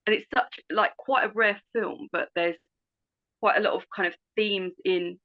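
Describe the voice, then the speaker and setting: A woman's voice: medium pitch, steady tone, normal speed. A woman talking casually on a group call, hesitant and rambling with many fillers. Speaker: call participant. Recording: lo-fi online call audio.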